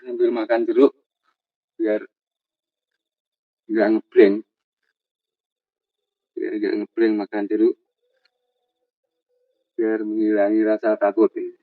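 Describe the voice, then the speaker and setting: A man, filming himself camping alone outdoors at night, narrating in a tense hush and muttering prayers. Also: fairly low pitch, level tone, slow, long pauses, no echo, narrow, tinny audio. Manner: tense, repeats short urgent calls to listen; muttering prayers under breath. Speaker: solo camping vlogger. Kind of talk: hushed on-the-spot night vlog narration.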